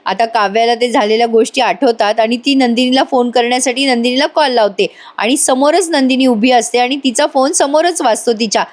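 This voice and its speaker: A woman's voice: on the high side, fairly quick, hardly any pauses. A woman narrating a voice-over recap of a TV serial episode, chatty and exclamatory, talking directly to her viewers. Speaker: TV serial reviewer.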